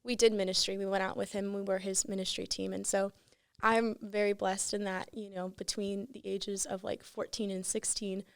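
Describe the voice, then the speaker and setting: A woman's voice: medium pitch, level tone, moderate pace, creaky, clear, resonant tone, no echo. Teen girl on a podcast, chatty and earnest, lots of "like", dry close sound. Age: teens. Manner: earnest, frequent "like" and "you know". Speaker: podcast guest. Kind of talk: casual chat, personal testimony.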